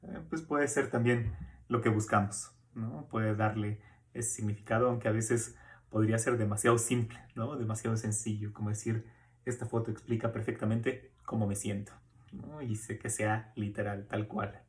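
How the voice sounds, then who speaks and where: A Mexican university lecturer, a man with a lowish voice, talks through a recorded course lecture at normal speed with fairly even intonation. His explanations are loose and conversational, sprinkled with little tag questions and fillers.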